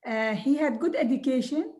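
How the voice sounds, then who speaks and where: An older woman from Jordan, a native Arabic speaker, telling her life story slowly and earnestly, with soft laughs now and then. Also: high voice, animated. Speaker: guest speaker. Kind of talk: recorded video conversation.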